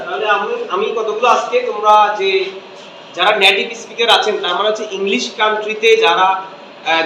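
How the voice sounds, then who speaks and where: A man's voice: high voice, bright, forceful tone. A man teaching an English lesson in class, switching between Bengali and English and asking questions that he then answers himself. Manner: asks questions and answers them himself, repeats phrases. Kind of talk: classroom lecture. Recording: echoey room, distant mic, faint background noise.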